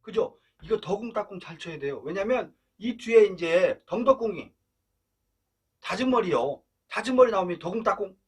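High-voiced man teaching Korean drumming. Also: animated, normal speed, darkish tone. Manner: counts beats aloud and chants drum syllables between explanations; coaxing, encouraging learners to breathe and not rush. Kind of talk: step-by-step instrument lesson. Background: drum playing.

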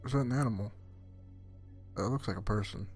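A man's voice: fairly low pitch, fast talker, darkish tone, breathy edge, soft background music. A man streaming a live let's-play, reacting with profane, incredulous and sarcastic running commentary. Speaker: game streamer.

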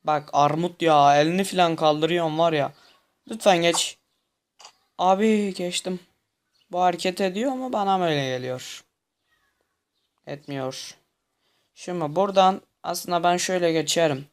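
A man's voice: on the high side, moderate pace, pauses often. A young man commenting on a game he is playing, muttering to himself, tense and easily frustrated. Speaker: gameplay commentator. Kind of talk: gameplay commentary.

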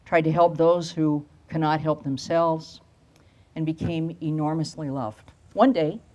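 An older woman preaches at an outdoor lectern, holding a microphone close. She tells simple stories in a plain conversational way. She slows deliberately on the phrases she wants to land. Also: sits low, fairly even intonation, darkish tone. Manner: storytelling sermon with slowed emphatic phrases. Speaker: pastor. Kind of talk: sermon. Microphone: handheld microphone.

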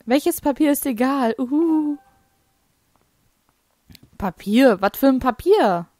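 A woman's voice: high-pitched, lively intonation, slow pace, warm tone. A woman casually commenting on her own gameplay. She thinks aloud, laughs a lot and makes wry, teasing remarks. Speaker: let's play host.

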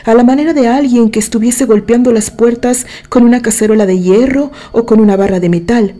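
A woman from Mexico with a Mexican accent, reading a horror novel aloud in a measured, deliberate storytelling manner. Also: mid-range voice, mellow. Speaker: narrator.

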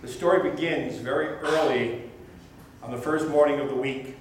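A middle-aged male pastor telling a children's sermon story slowly and gently to puppets, at a lectern in a small church. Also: a little high, steady tone, a little hiss or hum. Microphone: fixed camera a few feet away, lectern mic. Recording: echoey church from some distance.

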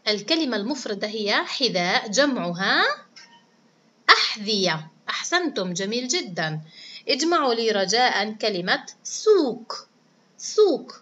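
A woman's voice: fairly high pitch, sing-song, moderate pace, pushed and bright. A woman teaching a children's reading lesson, praising them often and stretching words out syllable by syllable. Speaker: primary school teacher.

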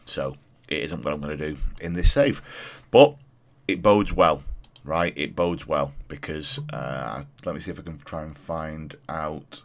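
A man in his thirties, his voice throaty and congested from a cold, chats casually as a video host while playing a game. His pitch is extremely low and his pace measured, with hardly any pauses, and he repeats phrases for emphasis.

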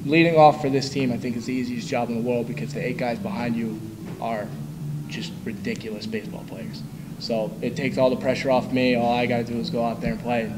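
A man's voice: medium pitch, background noise. A young man who plays college baseball, answering at a postgame press conference in a humble, easygoing way. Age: young adult. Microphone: table microphone.

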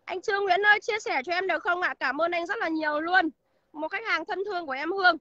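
A woman's voice: extremely high pitch, quick pace, pushed and bright, no room sound, muffled recording. A woman selling used cars on a livestream, listing features and prices in a chatty way and greeting viewers by name. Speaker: used car seller. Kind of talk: livestream sales pitch. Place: outdoor used car lot.

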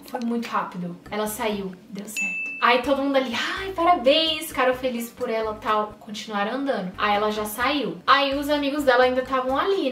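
A woman's voice: a little high, distant mic. Chatty young Brazilian woman in an echoey room. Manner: chatty, animated, often addressing viewers as "gente". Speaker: vlogger. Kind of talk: casual storytelling to viewers.

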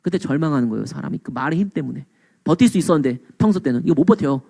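A man preaching a sermon as pastor, blunt and colloquial, swinging from low murmurs to raised, emphatic cries. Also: animated, very fast, vocal fry, warm tone.

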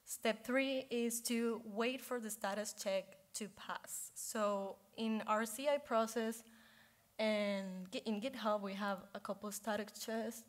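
High-voiced woman giving a lightning talk. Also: steady tone, slow. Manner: casual, conversational. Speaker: software engineer, conference speaker. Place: conference stage in a hall.

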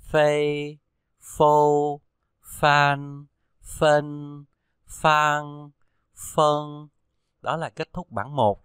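A man teaching pronunciation, reading syllables one by one in a slow, deliberate drill. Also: medium pitch, no echo, studio quality. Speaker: Chinese pinyin teacher.

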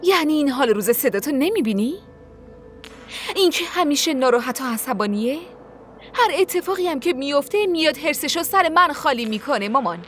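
An actress dubbing a frustrated young wife in a TV drama, reproachful and pleading. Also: female voice, high-pitched, lively intonation, fairly bright tone, soft background music. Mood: defensive. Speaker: dubbing actor. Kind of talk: dubbed TV drama dialogue.

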